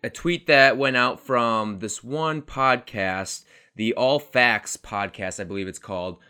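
His medium-pitched voice is pushed and bright yet clean, moving at a measured pace. He's a co-host in his twenties on a casual sports podcast, rambling conversationally and laughing at himself.

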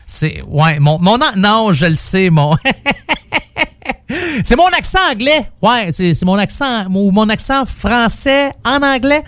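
A man hosts a rock radio show, talking in a loose, joking, rambling way full of fillers. His voice sits high for a man. It is recorded dry and close on a studio mic. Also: expressive, slow, fairly bright tone, dry recording. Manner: chatty, jokey, rambling with many fillers. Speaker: morning radio host. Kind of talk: casual radio show patter.

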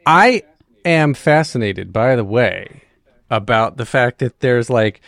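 A podcast host talks casually, joking and rambling with lots of restarts. The voice has a middle pitch. The sound is close and dry. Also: expressive, slow pace, gravelly, fairly bright tone, no room sound.

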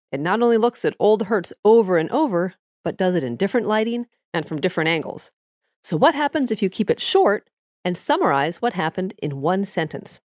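A woman's voice: medium pitch, dry recording, clean studio sound. A woman hosting an advice show, reading scripted practical tips in a conversational, explanatory manner. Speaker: podcast host giving psychology advice.

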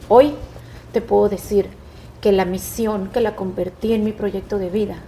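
A middle-aged woman, telling her story as a guest in a conversational interview, in an expressive, animated way. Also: medium pitch, moderate pace, a little hiss or hum. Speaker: guest, businesswoman.

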